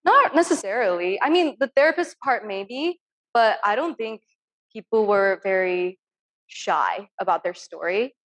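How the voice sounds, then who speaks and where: Speaking from home on a video call, this young artist from Turkey has a mid-range voice with lively intonation and a measured pace. She discusses her work casually and earnestly, with plenty of ums.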